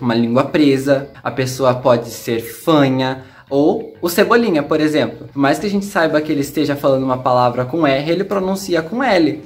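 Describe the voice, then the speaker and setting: A man from Brazil with a São Paulo interior accent, teaching in a casual, chatty video lesson and demonstrating sounds as he explains. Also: on the high side. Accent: Brazilian Portuguese, São Paulo interior. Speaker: English teacher.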